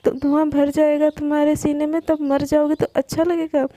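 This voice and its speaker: A woman's voice: sits high, level tone, moderate pace, dark tone, dry recording, lightly acted. A woman voicing a strict but caring young woman who scolds her friend, told as a spoken love story. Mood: scolding. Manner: scolding, stern.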